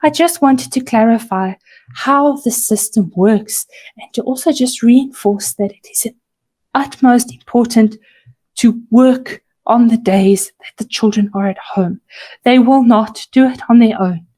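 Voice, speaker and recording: A woman's voice: on the high side, a little slow, dark tone. A woman teacher walking parents through an online system, her voice strained and failing, often correcting herself. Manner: careful, repeats and self-corrects while explaining.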